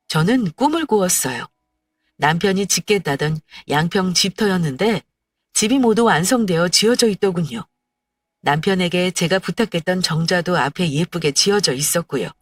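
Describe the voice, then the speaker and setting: A woman reading a first-person story aloud in a soft, measured storytelling manner. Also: fairly low pitch, no echo. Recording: dry distant mic with faint music. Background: faint background music.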